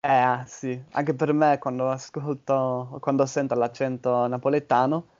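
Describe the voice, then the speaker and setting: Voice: medium pitch, level tone, unhurried, a little mellow, dull audio. A native English speaker from southern England with an English accent, chatting casually and searching for words in a second language. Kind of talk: casual chat about languages.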